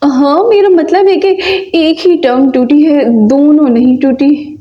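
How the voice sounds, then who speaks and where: Woman doing a calm, coaxing grown-up doll. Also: high voice, measured pace. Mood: soothing. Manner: coaxing, reassuring. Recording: slightly muffled recording.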